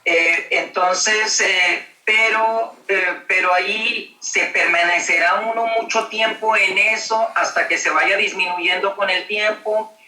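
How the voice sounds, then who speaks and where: Slow-speaking woman, distant echoey mic. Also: mid-range voice, steady tone, bright, forceful tone. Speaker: seminar participant. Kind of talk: philosophy seminar discussion.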